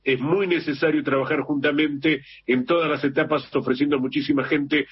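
A man's voice: fairly high pitch, brisk. An Argentine man presents the early morning news in a radio studio, loose and chatty, circling back to repeat himself. The broadcast sound is a little muffled, with a faint hiss underneath. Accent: Argentine Spanish. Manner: relaxed, repeats and corrects himself, chatty asides.

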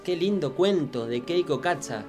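Radio host reading a story. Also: male voice, on the high side, expressive, normal speed, darkish tone, faint music behind. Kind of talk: educational radio show, reading a story aloud.

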